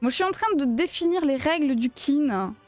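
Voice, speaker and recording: Speaking at a normal speed with a high, lively voice, a woman from south-west France with the region's accent chats playfully on her crochet live stream. There's soft background music and no echo, and she laughs often while answering her chat.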